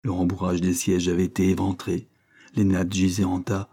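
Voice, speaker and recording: A man reading an adventure novel aloud as narrator in a measured, dramatic way. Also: low-pitched, completely flat delivery, mellow. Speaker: audiobook narrator.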